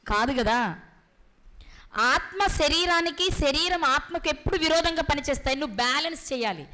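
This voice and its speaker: A woman preaching a sermon with a Telugu accent, asking rhetorical questions and pausing for effect. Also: high voice, sharp tone. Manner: rhetorical questions, dramatic pauses.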